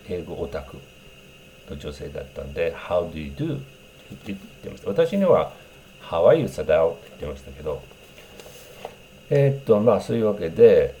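Brief: male English teacher, low mellow voice, relaxed explainer with lots of fillers. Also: vocal fry, a little hiss or hum. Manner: unhurried, explanatory, many fillers, demonstrates English phrases. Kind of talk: casual spoken lesson on English greetings.

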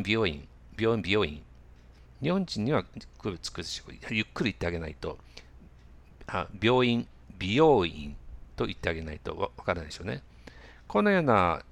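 A man giving a relaxed spoken lesson on pronunciation, using many fillers and repeating example words slowly. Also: low voice, vocal fry. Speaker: English pronunciation teacher.

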